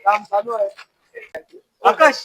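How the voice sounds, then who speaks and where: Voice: medium pitch, takes it slowly, rough recording. A family member casually pointing out sights on a trip. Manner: explaining, pointing things out. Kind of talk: casual chat. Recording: loud crowd noise around.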